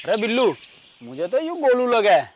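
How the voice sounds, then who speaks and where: एक आदमी जो ताने मारने वाले घमंडी गाँव के नौजवान का किरदार निभा रहा है, हरियाणवी लहजे में चिढ़ाते हुए बोलता है।. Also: male voice, extremely high pitch, wildly swooping pitch, normal speed, background noise, heavily acted. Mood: mocking. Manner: teasing, jeering. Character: young village man, mocking and smug. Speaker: mocking villager.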